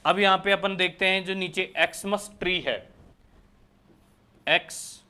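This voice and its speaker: A man's voice: sits high, fairly even intonation, a little slow, pushed and bright, clear, resonant tone. A man from India teaching English grammar in a lecture, who keeps asking the class questions and answering them himself. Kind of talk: Hindi lecture explaining English articles.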